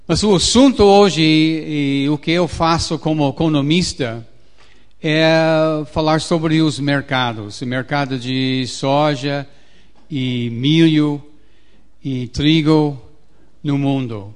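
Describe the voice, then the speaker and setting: Slow-talking American man lecturing. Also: fairly high pitch, smooth. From United States. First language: English. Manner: halting, non-native phrasing, plain-spoken explaining. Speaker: agricultural economist, guest speaker. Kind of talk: public lecture on markets.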